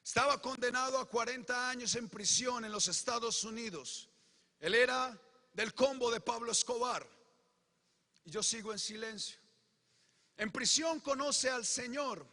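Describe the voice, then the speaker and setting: A man preaching his testimony in a very high, bright, tense voice. He moves between hushed retelling and fervent shouting. His words ring with the long reverb of a large church hall. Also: a little slow. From Colombia. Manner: impassioned, swinging from hushed storytelling to shouted proclamation. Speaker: pastor.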